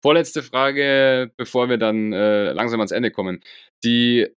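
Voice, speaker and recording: A man's voice: mid-range voice, fairly even intonation, unhurried, smooth, no echo. Male podcast host asking casual questions, friendly, dry sound.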